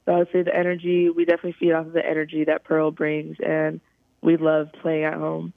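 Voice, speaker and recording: A young woman from California, a college softball player, giving halting, thoughtful interview answers over a phone call. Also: low voice, monotone, vocal fry, dry recording. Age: young adult. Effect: heard over a phone call. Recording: tinny, dry phone line.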